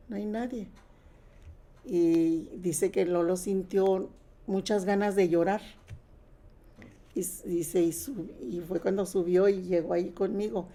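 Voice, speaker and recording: Older woman with a warm gravelly voice. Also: medium pitch. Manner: plain conversational retelling with quoted dialogue. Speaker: guest sharing testimony. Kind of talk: personal testimony.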